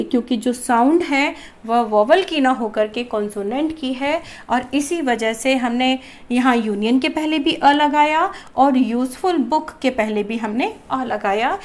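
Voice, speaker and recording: High-voiced lady teacher explaining grammar to kids, asks a question then answers it. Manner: addresses viewers as children. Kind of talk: classroom grammar lesson.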